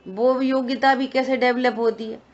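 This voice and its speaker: A woman's voice: a little high, little pitch movement, moderate pace. Woman explaining scripture, dull lo-fi sound. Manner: explanatory, asks and answers her own questions. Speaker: scripture study teacher. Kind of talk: explaining scripture in a study session. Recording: dull lo-fi recording.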